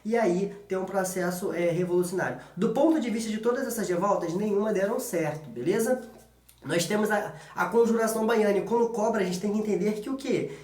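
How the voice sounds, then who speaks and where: This man's voice is high-pitched and darkish in tone, and he talks briskly. He has a Brazilian accent and is giving a relaxed, colloquial history exam-prep lesson as a teacher, regularly tossing in short tag questions, recorded in an echoey room.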